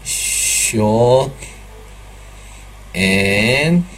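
A man's voice: mid-range voice, animated, drawn-out words, a bit bright, slightly rough. A man teaching pronunciation in a live online class, patiently repeating drill sounds and mixing in some Chinese words.

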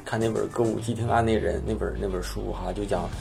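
A man's voice: lowish voice, steady tone, fast, vocal fry. A man hosting a casual chat, putting questions and remarks to his guest in an informal way. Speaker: host asking questions. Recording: prominent instrumental music behind. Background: instrumental music.

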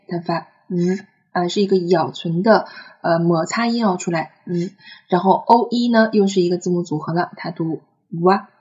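A woman's voice: mid-range voice, a little mellow. A woman teaching a French picture-book lesson, patiently spelling out and repeating sounds. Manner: patient, drawn-out demonstration of sounds. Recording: slightly muffled recording.

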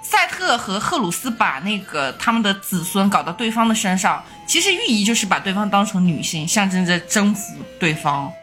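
A woman's voice: mid-range voice, sing-song, normal speed, few pauses, fairly bright tone, faint music behind. A woman hosting a podcast, casually retelling an ancient myth and laughing often as she acts out the gods. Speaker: podcast host telling myths. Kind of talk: casual storytelling chat.

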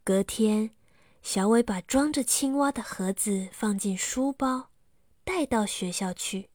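A woman narrating a children's bedtime story slowly and softly. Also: medium pitch, no room sound, studio quality. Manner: slow and soft.

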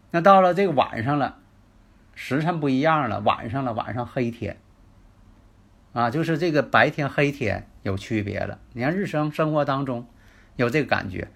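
A man's voice: medium pitch, a bit bright, husky. A man hosting a radio lecture in a chatty style, asking rhetorical questions and using many filler particles. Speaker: radio host and lecturer on the five elements.

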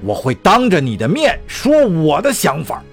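A man's voice: a little high, huge pitch swings, normal speed, vocal fry, heavily acted. A man voicing a cornered male executive who talks in tense, cursing outbursts, with faint music behind. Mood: angry.

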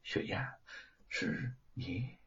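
A man voicing a gentle young male scholar who speaks softly and tenderly. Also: high voice, huge pitch swings, unhurried, husky, highs cut off, voice pushed up, exaggerated voice. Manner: soft, tender delivery.

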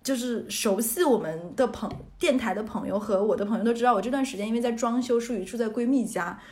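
A woman's voice: on the high side, fast talker, a little mellow. A young woman radio host telling a funny story in casual chat, laughing often at herself.

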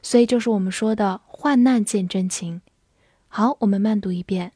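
A young woman teaching English vocabulary in Chinese, explaining patiently and slowing down to spell and drill each word. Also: mid-range voice, dark tone, slightly rough, no echo, studio quality.

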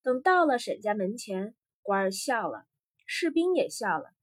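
A woman telling a folk tale as a storyteller, in a vivid and lively manner. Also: mid-range voice, moderate pace, no room sound.

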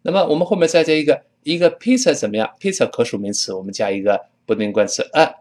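A middle-aged man with a Mandarin Chinese accent teaching spoken English, jumping higher in pitch whenever he models the English phrases. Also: fast. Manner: lively, rises high when modeling English phrases.

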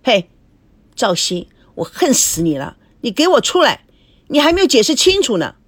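A woman's voice: on the high side, very animated, unhurried, no echo. A woman voicing a hot-tempered young news anchor who scolds indignantly in a storybook reading. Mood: furious. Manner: indignant, shouting.

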